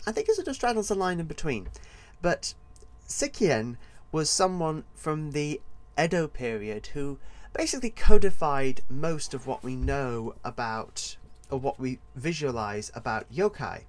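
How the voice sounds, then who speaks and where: A man's voice: fairly high pitch, sing-song, unhurried. A man hosting his own podcast as an author, talking in a casual, rambling and digressive solo monologue.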